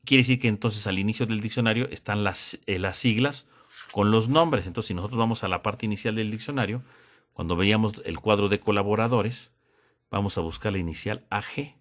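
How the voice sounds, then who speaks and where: Low-voiced man explaining patiently. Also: a little fast, fairly bright tone. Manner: explanatory, repeats points with tag questions. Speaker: theology teacher. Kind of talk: classroom lesson.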